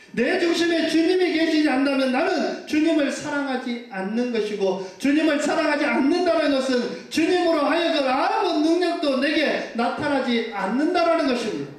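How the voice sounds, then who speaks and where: High-voiced pastor preaching in an echoey hall. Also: male voice. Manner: asks the congregation questions and has them repeat after him; fervent, urging delivery. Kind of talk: sermon. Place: church sanctuary. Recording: echoey church hall from far off.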